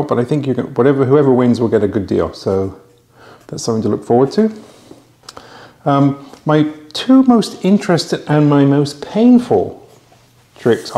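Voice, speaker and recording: A man's voice: medium pitch, darkish tone, reverberant. A middle-aged man hosting a magic auction, talking casually to camera in a home bar room with a lapel mic, chatty and full of restarts. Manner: chatty, hesitant with restarts and fillers. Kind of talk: casual promotional talk to camera.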